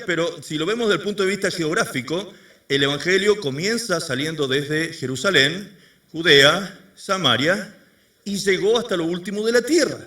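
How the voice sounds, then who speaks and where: A man preaches in a high, bright, sharp-edged voice that swings widely up and down. He keeps putting questions to the congregation as he goes. He sounds a little distant from the microphone. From Argentina. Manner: quizzes the congregation with rhetorical questions. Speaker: pastor. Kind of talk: sermon. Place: church service before a congregation.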